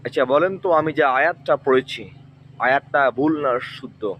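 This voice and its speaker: A man talking to his viewers, questioning them and slowly stressing how individual words are pronounced. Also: medium pitch, muffled recording, slight background noise. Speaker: online religious commentator. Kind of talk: rhetorical explanation to viewers.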